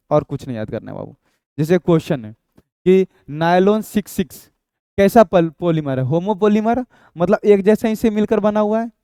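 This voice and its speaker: In an exam-prep lecture, a man teaches chemistry coaxingly and repetitively, posing questions and then answering them himself. His voice is a little high, mellow and smooth, sounding dry and close with no echo.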